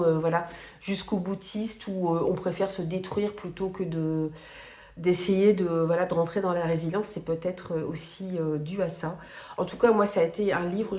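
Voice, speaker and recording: A woman talking casually about books she loves, pausing often with fillers and restarting her sentences. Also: mid-range voice, mellow. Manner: hesitant, many fillers and restarts. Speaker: book reviewer. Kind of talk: casual book talk to camera. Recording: echoey room.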